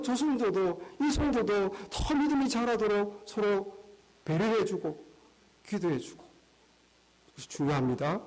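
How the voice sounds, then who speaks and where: High-voiced man preaching a lively sermon. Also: low-quality recording. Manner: animated, acts out dialogue. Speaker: pastor. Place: church sanctuary.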